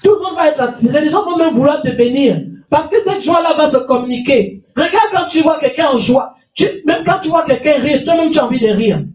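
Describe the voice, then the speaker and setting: Despite a cold, a French woman pastor in middle age delivers a forceful sermon in a small church hall with a stage and lectern, repeating lines and calling for amens into a handheld mic. Her high-pitched voice is brisk, lively and darkish in tone, caught by a distant camera amid echo.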